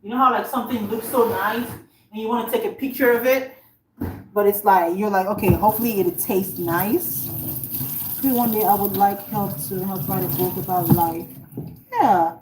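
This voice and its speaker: Medium in pitch and fairly even in intonation, a Nigerian woman chats at a moderate pace with her livestream viewers, rambling as she cooks in her kitchen. She's an author, and the roomy, distant audio carries background noise and a running tap.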